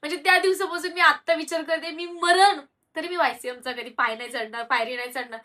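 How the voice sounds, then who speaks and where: Young woman vlogger, candid and rambling, bright tone, distant mic. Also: high voice, fairly quick. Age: young adult. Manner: candid, rambling, with frequent hesitations and restarts. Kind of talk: personal storytelling to viewers.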